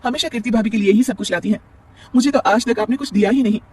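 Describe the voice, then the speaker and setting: A man voicing a sharp-tongued, defiant young married woman in a storybook tale. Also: high voice, fast, slight background noise, pitched above the performer's own voice, natural voice.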